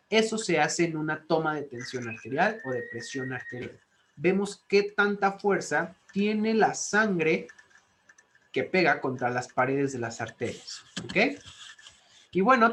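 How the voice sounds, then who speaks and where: A fairly high-voiced man talks through a recorded slide lecture for nursing students. He explains patiently, goes over each key point again and keeps tagging his sentences with a questioning "ok?". A faint hiss sits under the recording. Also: fairly bright tone. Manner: explanatory, repeats points, frequent "¿ok?" checks. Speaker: nursing instructor.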